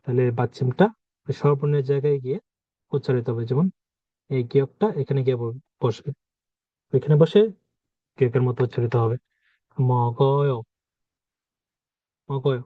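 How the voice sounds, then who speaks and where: A man's voice: mid-range voice, fairly even intonation, fairly quick, pauses often, no echo. A man teaching pronunciation, patiently repeating each example word as he explains the rules. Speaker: language teacher. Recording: dry, phone-like narrow sound.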